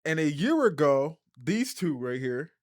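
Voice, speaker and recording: A man's voice: on the high side, sing-song, a little slow. A man co-hosting a casual podcast over a headset mic, pressing his point through interruptions. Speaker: podcast co-host.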